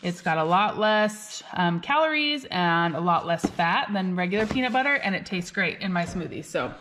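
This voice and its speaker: A woman's voice: fairly low pitch, animated, moderate pace, fairly bright tone, slight background noise. A woman in her thirties hosting a casual shopping vlog, chatty and upbeat, talking straight to her viewers from her car and kitchen. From Alaska. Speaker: vlog host. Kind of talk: casual shop-with-me vlog chat. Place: car, then home kitchen.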